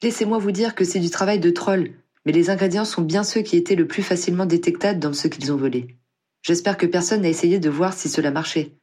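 A reader voicing a proud, condescending young woman expert in potions, husky-toned. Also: medium pitch, fairly quick, darkish tone, voice pushed up, lightly acted. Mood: disdainful. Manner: condescending, touchy.

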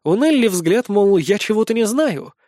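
A man reading a first-person fantasy novel aloud, with lively, expressive storytelling. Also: high voice, moderate pace, dry recording, clean studio sound. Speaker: audiobook narrator.

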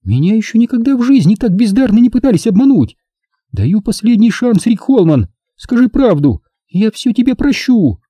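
Shrill jealous young woman, put on by a male reader. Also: sing-song, fairly quick, warm tone, breathy edge, dry recording, studio quality, exaggerated voice. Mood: indignant. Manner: sarcastic, shrill and accusing. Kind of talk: audiobook reading.

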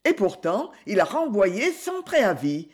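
Woman doing a calm, genteel lady sleuth. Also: mid-range voice, a little slow. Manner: light, composed and polite.

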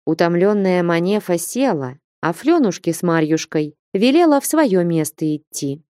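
A woman narrating a classic novel aloud in a measured, expressive storytelling manner. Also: lowish voice, no echo, studio quality.

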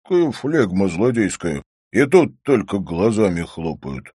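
A man reading a novel aloud and voicing a hearty, boisterous country husband who talks in a loud, jovial way. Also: low voice, sing-song, a little slow, breathy edge, dry recording, studio quality, voice pushed up, exaggerated voice.

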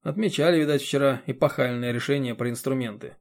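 Male audiobook narrator, steady, even, mid pitch. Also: fast talker, vocal fry. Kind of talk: scripted narration.

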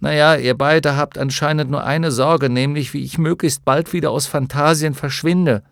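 A man voicing a proud, touchy young boy in an audiobook, quick to take offense. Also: mid-range voice, gravelly, darkish tone, no room sound, pitched above the performer's own voice. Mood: bitter. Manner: touchy, defensive. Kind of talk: audiobook character voice.

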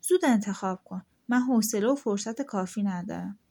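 A woman's voice: mid-range voice, expressive, mellow. A woman voicing a fierce giant talking bird. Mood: impatient. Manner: commanding, curt demands.

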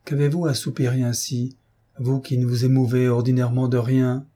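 A man's voice: medium pitch, flat delivery, normal speed, dark tone, breathy edge, close to an everyday voice. A man reading aloud, voicing an indignant middle-aged woman housekeeper in a raised, scolding voice. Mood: alarmed. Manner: exclaiming, scolding.

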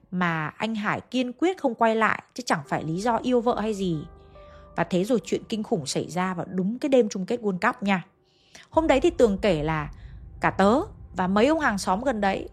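A woman telling a ghost story in a chatty, conversational way, with emphatic asides. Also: fairly high pitch. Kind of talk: casual spoken storytelling.

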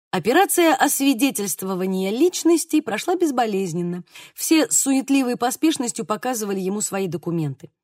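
A woman narrating an audiobook in an expressive, animated way. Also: on the high side, dry recording, clean studio sound.

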